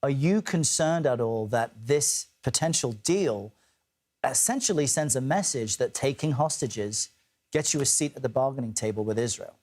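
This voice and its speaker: Male news anchor, medium pitch, measured and formal interviewing. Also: lively intonation, darkish tone.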